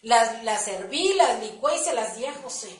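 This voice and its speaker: A woman giving an animated sermon testimony, acting out her prayers and conversations. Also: fairly high pitch, normal speed. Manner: animated, acts out dialogue with God. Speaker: church speaker giving testimony. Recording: echoey room, mic at a distance.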